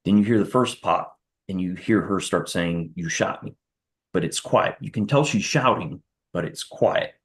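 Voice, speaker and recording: Very deep-voiced man testifying in court. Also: moderate pace. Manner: careful, methodical step-by-step account. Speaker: witness on the stand.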